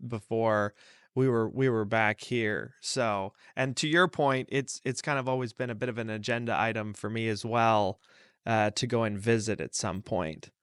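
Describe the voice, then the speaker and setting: A man's voice: lowish voice, steady tone, moderate pace, a bit bright, clear, resonant tone, dry recording, studio quality. A man born in Turkey, hosting a podcast and asking loose, rambling questions. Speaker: podcast host. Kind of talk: casual interview conversation.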